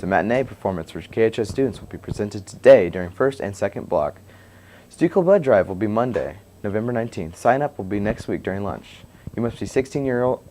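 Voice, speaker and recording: A man's voice: lowish voice, mellow, slight background noise. A young man reading scripted school announcements as a student news anchor.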